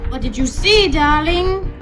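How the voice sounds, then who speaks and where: Woman playing a sweet talk-show interviewer, very high voice, slow and drawn out, calls guests darling. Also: lively intonation, over music, low-quality recording. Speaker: host.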